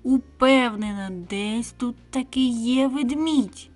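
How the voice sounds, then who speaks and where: A woman voicing a small, quiet young female fox who earnestly pleads with her friends. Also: slow pace, soft background music. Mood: urgent. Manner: earnest, pleading, raised high voice.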